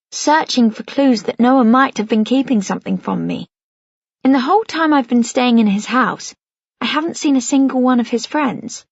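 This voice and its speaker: A woman narrating a first-person audiobook in a measured, reflective way. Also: on the high side, breathy edge, no echo, lo-fi sound.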